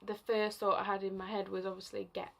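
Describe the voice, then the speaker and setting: Young woman vlogger, rambling confessional storyteller, gravelly fry under a mid-pitched voice. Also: level tone, fast, a bit bright. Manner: chatty, full of fillers, emotional at times.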